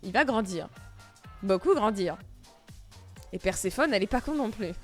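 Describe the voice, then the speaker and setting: A woman's voice: medium pitch, animated, moderate pace, soft background music. A woman streamer retelling a myth casually, full of slang and jokey asides. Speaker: streamer storyteller.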